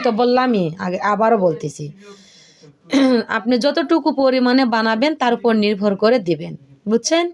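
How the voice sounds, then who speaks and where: A woman's voice: a little high, animated, moderate pace, a little mellow, lo-fi sound. An older woman and home cooking vlogger chatting casually through a kitchen demonstration, often checking that her viewers are following along.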